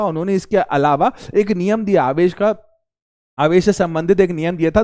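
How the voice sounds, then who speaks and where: A young man teaching a physics lesson in a lively, playful way, joking and repeating questions for his students, recorded in a studio. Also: high voice. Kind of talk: energetic classroom lecture.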